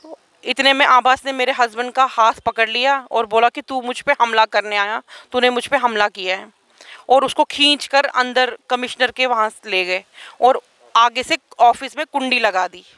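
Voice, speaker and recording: High, bright-voiced aggrieved woman. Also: steady tone, normal speed, clean tone, dry recording. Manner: urgent, aggrieved. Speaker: interviewee. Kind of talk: emotional testimony.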